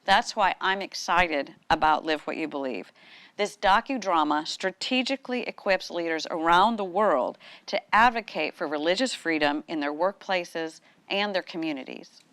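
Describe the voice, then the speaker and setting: A woman's voice: on the low side, normal speed, fairly bright tone, dry recording. A woman giving a prepared presentation in an upbeat, promotional way.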